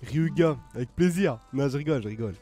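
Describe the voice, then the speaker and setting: A man's voice: medium pitch, expressive, fast talker, mellow, faint music behind. A young man co-hosting a live gaming stream, joking around with crude banter. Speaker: streamer co-host.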